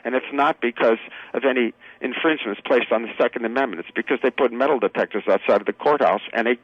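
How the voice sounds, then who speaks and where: A man guest on a radio show, speaking over the phone in an earnest, halting way with many fillers. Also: medium pitch, dry recording, muffled recording. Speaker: political candidate guest.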